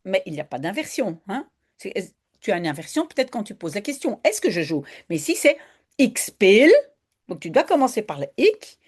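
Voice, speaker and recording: A woman teaching Dutch, patiently correcting a student's writing and explaining the grammar step by step. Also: medium pitch.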